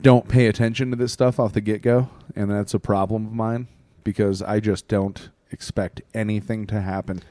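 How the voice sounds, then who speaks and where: Co-host, Midwestern man, lowish voice, dry sound, blunt and slangy. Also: level tone, normal speed, hardly any pauses, warm tone, no echo. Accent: American Midwest. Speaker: podcast co-host. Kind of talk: casual political chat.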